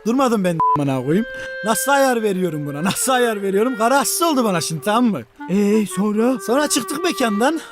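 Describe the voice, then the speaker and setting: An actor playing a boastful young man bragging about a date in an animated sitcom. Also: high-pitched. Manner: boastful, chuckling, rushed.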